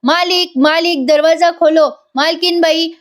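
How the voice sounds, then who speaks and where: Frantic pleading young servant guy, high and urgent, a woman doing him. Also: fairly even intonation, measured pace. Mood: desperate. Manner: panicked, begging, mixes Hindi words.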